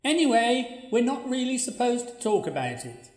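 A woman's voice: a little high, sing-song, moderate pace, darkish tone. A woman voicing the blunt, sulky ghost of a plain young woman, with curt, needling replies in a radio play. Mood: deadpan. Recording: echoey, roomy sound.

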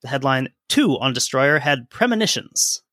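Man, podcast co-host, bright voice, dry close sound, casual history chat. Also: mid-range voice, sing-song, normal speed, no echo. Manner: reads old newspaper quotes aloud, conversational.

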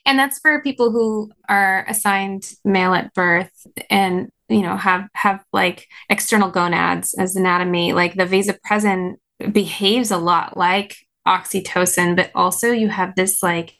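A woman guest explains her ideas in an earnest, rambling way, leaning on "like" between phrases. Her voice has a strong gravelly fry at mid pitch. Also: steady tone, unhurried, fairly bright tone. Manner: frequent "like" fillers, explanatory, earnest. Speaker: guest, course creator in parent health. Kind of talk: conversational interview.

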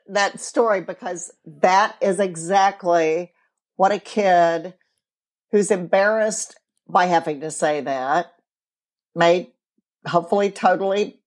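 A woman in her forties, co-hosting a podcast and explaining things in a measured way from her counseling work. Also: mid-range voice. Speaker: podcast co-host and co-parenting counselor. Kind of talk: casual podcast chat.

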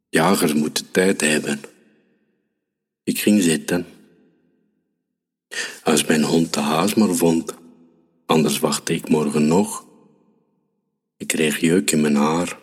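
A man reading a children's story aloud in a calm, measured way. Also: a bass voice, husky. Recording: reverberant room with soft music.

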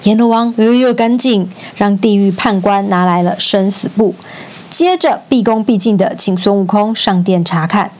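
A woman storyteller reading a children's classic aloud in an expressive, lively manner. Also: medium pitch, moderate pace, lo-fi sound.

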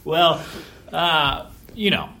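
A man co-hosting a podcast in casual chat, animated and often laughing, repeating his words as he goes. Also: fairly high pitch, drawn-out words, vocal fry, slight background noise. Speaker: podcast co-host.

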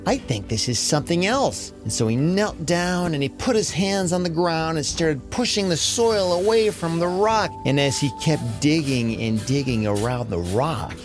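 A man narrating an adventure story for children in an expressive, dramatic way. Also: a little high, a little slow, few pauses, music in the background.

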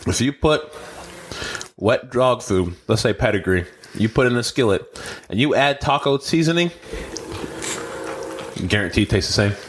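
A man's voice: medium pitch, lively intonation, normal speed, pauses often, breathy edge. A young man co-hosting a casual podcast from a small home office, rambling and self-deprecating, often stammering and restarting his sentences. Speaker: podcast co-host. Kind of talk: casual chat.

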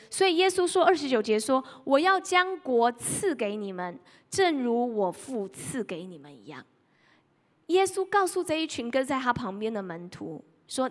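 A middle-aged woman preacher delivering a sermon with a fairly high voice. She tells lively stories and talks straight to her listeners. Her words ring out with a long reverb in a big hall. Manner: lively storytelling, mimics her child and addresses the congregation directly.

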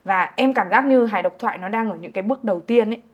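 A woman's voice: medium pitch, very fast, husky, lo-fi sound. Young northern Vietnamese woman interviewing. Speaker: podcast host interviewing two comedians. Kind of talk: conversational interview.

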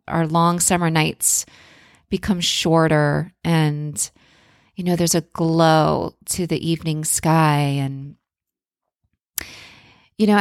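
A woman hosting a spiritual podcast, talking reflectively in a halting, conversational way. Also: sits low, creaky, dry recording, clean studio sound. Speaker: podcast host and yoga guide.

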